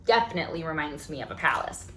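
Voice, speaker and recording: A woman with a low-sitting, sharp voice talks fast and animatedly over a little hiss or hum. As a children's library storytime host, she reads a picture book aloud with expression, asking young listeners questions and exclaiming in wonder.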